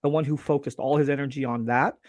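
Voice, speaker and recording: On a casual live-stream interview, an earnest man who owns a laser business appears as a guest, animated and quick to restart his sentences. His pitch is an ordinary middle, and the sound is close and dry with no room echo, like a video call.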